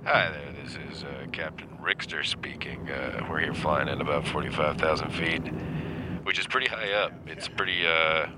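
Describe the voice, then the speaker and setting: A very deep, rumbling airline captain's in-flight announcement, put on by a man, heard from a distance. His delivery is hesitant and giggly. Loud plane-engine noise roars behind it. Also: steady tone, normal speed. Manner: hesitant, giggly improvised pilot talk. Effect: pilot's announcement spoken into a phone, away from the mic.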